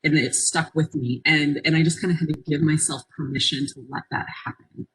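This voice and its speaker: A woman with a low, husky voice leads an interactive webinar. She speaks in an encouraging, reflective way and often invites her listeners to join in. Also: steady tone, fairly quick, fairly bright tone, low-quality recording. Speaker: workshop presenter. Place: online conference call.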